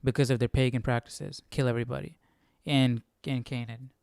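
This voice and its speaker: Here the Bible study stream host talks fairly quickly in a medium-pitched, darkish, clean voice with little pitch movement. He muses casually over scripture and keeps checking in through rhetorical questions, and the studio-quality recording is dry.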